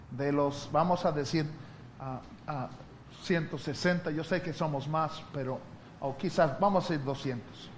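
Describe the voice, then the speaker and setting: A male preacher giving a sermon, telling stories in an animated way and laughing often. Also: fairly high pitch, a little hiss or hum.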